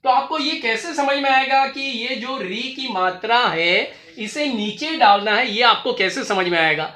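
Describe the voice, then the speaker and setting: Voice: medium pitch, animated, measured pace, sharp tone. A teacher explaining a grammar lesson patiently, repeating each point and stepping through examples. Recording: echoey room.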